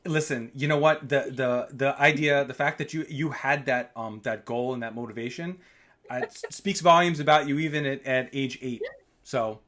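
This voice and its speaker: A man's voice: mid-range voice, moderate pace, a bit bright. A man hosting a casual video interview, upbeat and encouraging, often restarting his sentences. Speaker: host.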